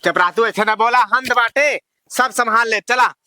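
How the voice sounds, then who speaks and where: A man's voice: very high-pitched, measured pace, sharp tone, slight background noise, full character voice. A man playing a young village lover in an amateur comedy skit, insistent and reassuring, with an Awadhi accent.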